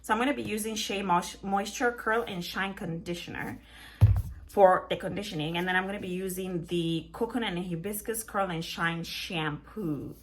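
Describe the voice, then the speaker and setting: This vlogger, a woman in her thirties, has a mid-range voice with fairly even intonation and a moderate pace, plus slight background noise. She chats and jokes on camera at home while detangling her hair, laughing often and asking viewers questions, in an accent that mixes Ghanaian, Italian, British and American.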